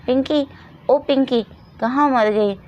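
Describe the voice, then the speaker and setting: Woman putting on a mean stepmom voice, snappy and taunting, kinda high, storybook reading. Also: measured pace, darkish tone, muffled recording, natural voice. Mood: scolding. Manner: taunting, shrill scolding. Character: harsh scolding stepmother, adult woman. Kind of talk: storybook narration with voiced roles.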